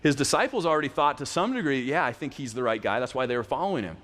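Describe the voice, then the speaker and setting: A man's voice: mid-range voice, lively intonation, fast, a bit bright. A man in his thirties, a pastor giving a casual, conversational sermon that often restarts its phrases. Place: church sanctuary. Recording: reverberant church hall.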